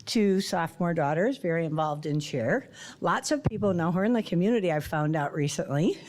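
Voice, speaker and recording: A woman's voice: lowish voice, expressive, fairly quick, a little mellow. A woman principal introducing new teachers at a school board meeting, upbeat, with many fillers and small laughs.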